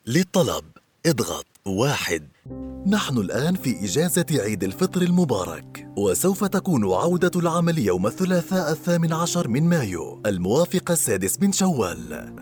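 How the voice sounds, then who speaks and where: A man's voice: medium pitch, big pitch swings, brisk, darkish tone, faint music behind. A man reading scripted phone menu announcements in a formal, courteous customer service voice. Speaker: voice-over artist for phone greetings.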